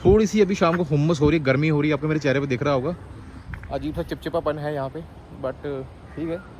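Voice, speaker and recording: A man with a slightly high voice talks straight to his viewers, half preaching and half joking. He is recorded on a phone held at arm's length. Faint city noise sits behind him. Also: a little fast, a little mellow, dull audio. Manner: mock-scolding, preachy then chatty. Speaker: vlogger. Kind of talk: casual vlog talk to viewers.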